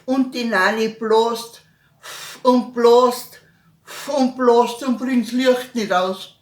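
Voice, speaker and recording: A woman's voice: fairly high pitch, slow, echoey room. A woman comedian with a Bavarian accent, telling a joke at home in dialect. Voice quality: lively dialect storyteller.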